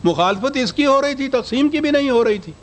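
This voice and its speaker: A man's voice: very high-pitched, lively intonation. Older man giving a scholarly lecture. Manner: reads out historical quotations; rhetorical questions to the audience.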